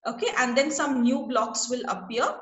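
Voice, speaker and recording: A woman's voice: fairly high pitch, moderate pace, roomy sound. A woman teaching a class online over a video call. She is patient and checks in often with her students.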